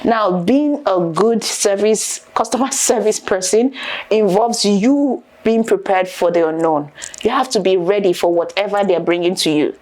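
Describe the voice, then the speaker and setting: African-accented woman, lively podcast guest. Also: mid-range voice, normal speed. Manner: animated, laughing often, repeats words when starting a thought. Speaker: guest, interior decorator and entrepreneur. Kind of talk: casual podcast interview.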